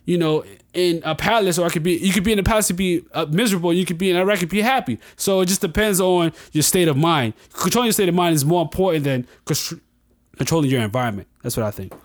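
A man gives his opinion casually as a panelist. His voice sits a little high and he talks fast. He comes across as earnest and explanatory. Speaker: discussion panelist.

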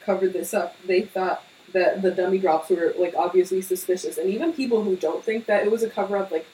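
With a mellow, medium-pitched voice and a steady tone, this young woman talks a little fast as she co-hosts a podcast. Her casual chat wanders with lots of fillers and tangents. The recording picks up faint hiss, and the mic sounds slightly distant.

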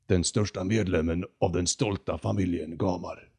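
A man voicing an arrogant male talking condor in a storybook reading, with a deep, hoarse voice and a slow, haughty, lecturing manner. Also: fairly even intonation, darkish tone, heavily acted.

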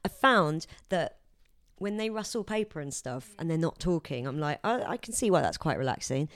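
A woman's voice: deep voice, expressive, normal speed, dry recording. A woman co-hosting a podcast, chatting casually, laughing often and acting out quotes. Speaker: podcast co-host. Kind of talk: casual chat.

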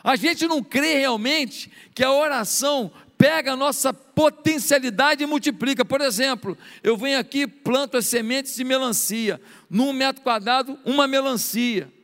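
A middle-aged man with a Brazilian Portuguese accent, preaching a sermon as a pastor, animated and acting out prayers in a hushed voice. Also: extremely high pitch, moderate pace. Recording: long hall reverb.

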